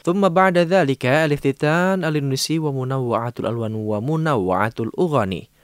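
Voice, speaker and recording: A man's voice: medium pitch, fast talker, clean tone, no room sound, clean studio sound. A man from Indonesia presenting a scripted radio programme and reading the news.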